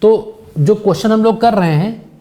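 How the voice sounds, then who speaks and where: Mellow-voiced male physics teacher. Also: high voice, normal speed. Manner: patient, keeps quizzing students. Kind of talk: classroom lecture. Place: classroom.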